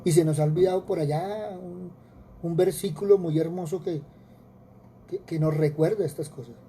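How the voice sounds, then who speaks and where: A male preacher with a Colombian accent delivers an earnest sermon. His voice is deep and mellow, and he often repeats words and asks rhetorical questions. A faint hiss of noise sits under the recording. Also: moderate pace. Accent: Colombian Spanish.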